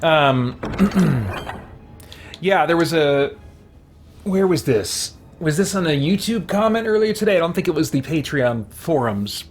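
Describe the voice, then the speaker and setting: With lively intonation and a measured pace, a fairly high-voiced man hosts a gaming stream, thinking out loud between moves in relaxed chat. Slight noise mixes with the game's sound effects and character dialogue.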